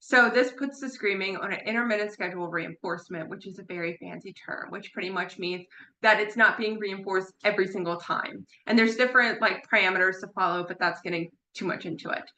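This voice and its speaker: Bright-voiced woman lecturing on parrot behavior. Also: medium pitch, a little fast. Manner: chatty, repeats words for emphasis, laughs now and then. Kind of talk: informal online lecture. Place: room at home with her birds. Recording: echoey room.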